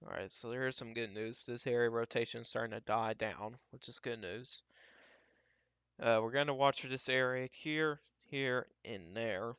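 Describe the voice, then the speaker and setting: A man's voice: mid-range voice, fairly bright tone, clean tone, no echo. Man doing casual live storm commentary, slightly muffled. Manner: talks to himself while scanning, halting and repetitive. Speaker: livestream storm tracker. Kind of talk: live weather radar commentary, casual and off the cuff.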